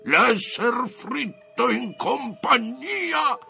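An actor playing a cruel green fisherman in a radio drama, with a raspy, cackling voice and slow, menacing delivery. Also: extremely high pitch, animated, sharp tone, soft background music, exaggerated voice. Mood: gloating.

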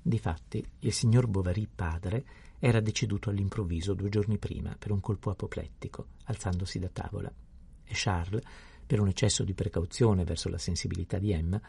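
A man narrating a literary novel as an audiobook, reading in a measured, expressive way. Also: deep voice, vocal fry, slightly rough.

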